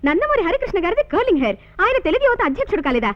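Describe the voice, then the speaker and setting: A fiery young wife. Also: female voice, extremely high pitch, very animated. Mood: indignant. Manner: scolding, rapid, dramatic. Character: sharp-tongued young wife, quick-tempered. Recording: dull old film soundtrack with music.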